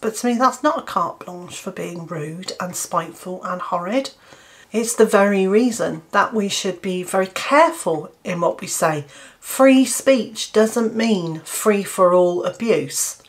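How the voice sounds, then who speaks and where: An earnest opinion piece to camera comes from a British woman in her fifties who runs a gardening channel. Her British English delivery is unhurried and expressive at a medium pitch, though she hesitates, restarting and using fillers.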